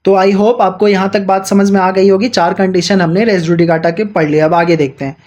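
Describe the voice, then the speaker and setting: A man giving a law lecture. He reads English legal text out slowly and explains it quickly in Hindi mixed with English terms. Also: high-pitched, flat delivery, darkish tone. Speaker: law teacher.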